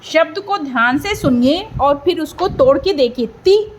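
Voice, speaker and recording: A woman teaching a beginners' writing lesson as host, speaking slowly and clearly and drawing out sounds to show them. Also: high voice, animated, a little hiss or hum. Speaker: Hindi teacher.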